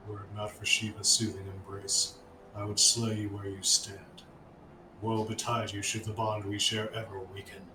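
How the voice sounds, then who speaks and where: A man's voice: lowish voice, completely flat delivery, normal speed, close to an everyday voice. A man voicing a proud, embittered old dragon, reading game dialogue aloud in grave, archaic pronouncements. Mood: scornful, grave. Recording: echoey room with clear background noise.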